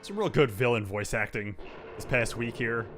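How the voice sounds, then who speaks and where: A man's voice: medium pitch, normal speed, fairly bright tone, soft background music. A man commentating on a video game playthrough in a casual, wry way.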